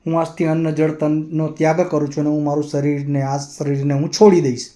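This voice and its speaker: A humble, poor temple sweeper pleads earnestly in a slightly raised, mellow voice, as a male storyteller speaks his lines. The delivery stays close to the reader's everyday speech. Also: fairly high pitch, level tone, a little fast, lightly acted. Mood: grieving.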